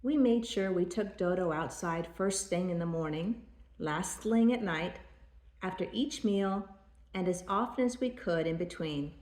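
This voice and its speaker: Older grandma lady reading a kids picture book, lowish voice, roomy echo. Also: darkish tone. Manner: grandma voice, measured storytelling delivery. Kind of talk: read-aloud children's storybook narration.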